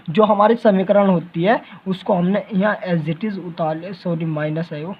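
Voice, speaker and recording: A man's voice: high-pitched, muffled recording. A math teacher, giving a lecture in which he keeps asking his students questions and answering them himself. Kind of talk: classroom-style lecture.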